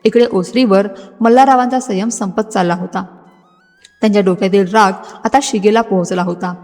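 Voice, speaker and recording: A woman narrating a scripted, dramatic story in a steady storytelling manner. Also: medium pitch, fairly quick. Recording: music bed, long hall reverb.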